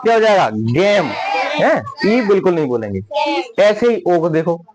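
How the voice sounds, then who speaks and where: A man's voice: high voice, big pitch swings, fairly quick, a crowd in the background. A male coaching-class teacher giving an English pronunciation lesson, firing questions at his students and repeating example words aloud. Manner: quizzes the class with constant questions. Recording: loud class noise in the background. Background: students chattering.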